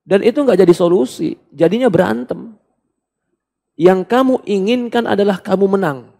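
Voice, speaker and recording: A man delivers a question-and-answer sermon in a mellow, gravelly voice. He builds to loud, animated points and then falls quiet to quote gentle advice. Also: sits high, normal speed. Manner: animated, rising to emphatic bursts then dropping to soft quoted asides. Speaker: Islamic preacher answering questions. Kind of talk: sermon, Q&A lecture.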